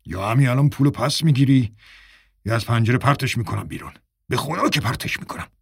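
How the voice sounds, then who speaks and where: Brief: gruff defiant loyal friend, insistent, read by a man. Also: mid-range voice, no room sound, studio quality. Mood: stubborn. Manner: stubborn, insistent.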